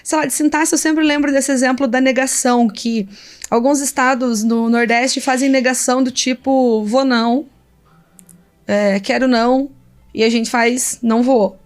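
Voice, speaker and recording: Woman, high voice, lively professor explaining in conversation, laughs a lot. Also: normal speed. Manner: animated, laughs often, demonstrates pronunciations. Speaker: linguistics professor guest.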